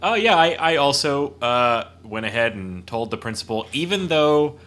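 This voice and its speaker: A man's voice: medium pitch, sing-song, normal speed, fairly bright tone. A man chatting casually as a panelist on a podcast. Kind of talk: casual chat.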